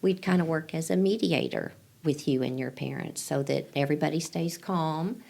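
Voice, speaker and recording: A woman, a pregnancy client advocate answering interview questions in a gentle, reassuring way, repeating key phrases. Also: low voice, normal speed, vocal fry. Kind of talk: interview answers, counseling talk.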